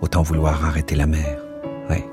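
Deep-voiced man reading literature aloud. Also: moderate pace. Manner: expressive, rhythmic, lingering over words. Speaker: narrator. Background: soft music.

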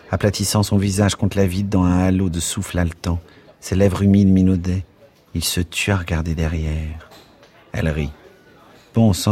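A man narrating a literary text in an expressive, rhythmic reading that lingers over words. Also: sits low, husky. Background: soft music.

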